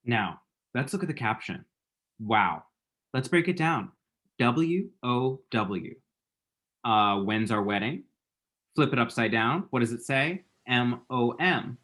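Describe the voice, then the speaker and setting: In a screenplay table read of rom-com dialogue, a man plays a dramatic, lovestruck, scrolling-obsessed twenty-seven-year-old, rambling and quippy, excited and insistent. His mid-range voice is animated and a bit bright, slow with long pauses.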